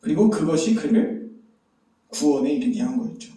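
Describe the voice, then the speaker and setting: A man's voice: on the high side, expressive, normal speed, mellow. A man preaching a sermon as pastor, telling a story and asking the listeners rhetorical questions. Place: church sanctuary. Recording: very echoey hall, distant mic.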